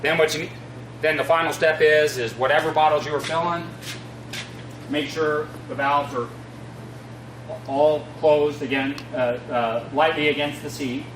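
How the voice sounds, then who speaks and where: A middle-aged man giving an informal instructional demonstration in a halting, matter-of-fact way. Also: on the high side, steady tone. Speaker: fire district equipment trainer. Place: concrete-floored equipment room, indoors. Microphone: distant camera across the room. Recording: echoey, noisy, distant camera sound.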